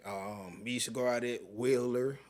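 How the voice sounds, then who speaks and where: A young man from Connecticut hosting a casual podcast, telling animated stories with heavy slang and frequent laughter. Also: mid-range voice, normal speed. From Bridgeport, Connecticut, USA. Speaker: podcast host. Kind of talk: casual conversational interview.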